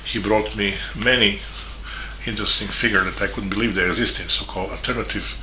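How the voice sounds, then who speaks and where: A man speaks English with a Serbian accent, his voice low in pitch yet strikingly bright and edged. He talks haltingly, stopping often and restarting his sentences. The recording sounds echoey, with a faint room hum behind him. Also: steady tone. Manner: halting, with many fillers and restarts. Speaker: journalist. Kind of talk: spoken statement.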